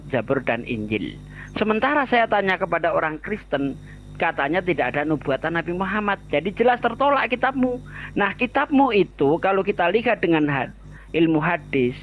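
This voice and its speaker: A high-pitched man argues insistently in an online debate, cutting in to correct and explain. His voice comes through a dull, muffled lo-fi line with a faint hiss behind it. He speaks firmly and presses his point. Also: fairly bright tone.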